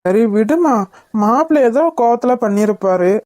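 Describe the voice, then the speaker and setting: A woman playing a mellow, soothing cartoon father. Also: a little high, expressive, normal speed, dry recording, clean studio sound, close to an everyday voice. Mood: remorseful. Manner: soothing, pleading. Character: soft-hearted middle-aged father. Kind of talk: cartoon voice acting.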